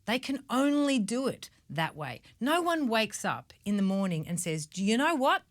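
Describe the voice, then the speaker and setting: A woman's voice: mid-range voice, big pitch swings, moderate pace. A woman giving a casual motivational talk as a mindset coach, swearing freely and checking in with "right?" and "okay?". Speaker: mindset coach and show host.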